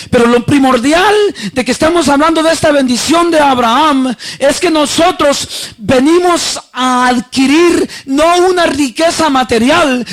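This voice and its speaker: A man preaching a sermon, telling a personal story and acting out the voices he quotes, swinging between loud and soft. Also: very high voice.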